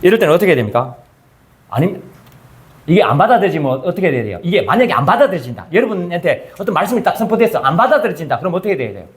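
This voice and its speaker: A man's voice: sits high, sing-song, racing. A man pastor preaching a conversational sermon, firing rhetorical questions at the congregation and acting out quoted dialogue in changing voices.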